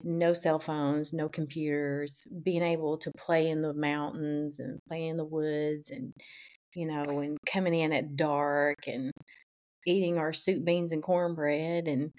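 A middle-aged woman with an Appalachian accent talks in a slightly low voice. She reminisces informally, in the conversational style of someone from Eastern Kentucky. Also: flat delivery, unhurried, darkish tone. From Eastern Kentucky, United States. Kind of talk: casual reminiscing.

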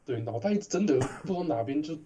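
A man's voice: a little high, expressive, fast talker, warm tone. A man, co-hosting a podcast in casual chat, mostly giving short agreeing replies. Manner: brief agreeing replies, laughs easily. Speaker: podcast co-host. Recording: slightly muffled audio.

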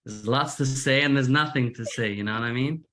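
There is slight background noise as this musician from England talks briskly in a mid-range, somewhat bright voice. A guest in a casual interview, he has a Manchester accent touched by American, puts himself down, and keeps repeating words.

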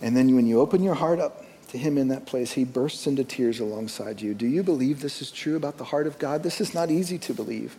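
A man preaching a sermon as pastor, slow and deliberate, dropping soft and then rising with emphasis. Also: mid-range voice, husky, long reverb tail.

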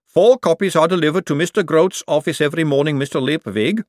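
A man voicing an earnest female golem clerk who speaks slowly, formally and precisely, in a higher voice than his own. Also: no room sound, studio quality, close to an everyday voice. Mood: prim.

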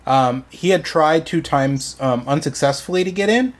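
A man presenting history on a casual podcast, with frequent ums and halting restarts. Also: on the high side.

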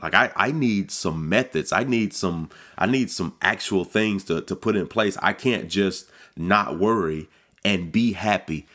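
Deep-voiced pastor talking casually. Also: male voice, unhurried, a bit bright. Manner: conversational, repeats words when starting sentences. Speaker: pastor and podcast host. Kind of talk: casual devotional podcast talk.

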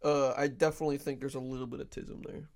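A man's voice: medium pitch, flat delivery, a little mellow. Profane joking young man. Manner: profane, joking, drawn-out drawl. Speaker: podcast co-host. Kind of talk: casual crude podcast banter.

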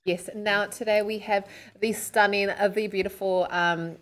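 A woman's voice: medium pitch, fairly even intonation, measured pace, fairly bright tone. A woman co-hosting a casual live podcast, chatting in a playful, self-deprecating way. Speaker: podcast co-host. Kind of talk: casual live show chat.

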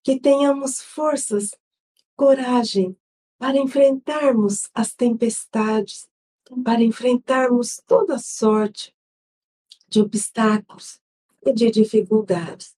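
A Brazilian woman hosting an online Spiritist gospel study, leading an opening prayer and reading a devotional text in a solemn, measured way. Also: a little high, fairly even intonation, dark tone. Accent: Brazilian Portuguese. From Brazil, São Paulo state.

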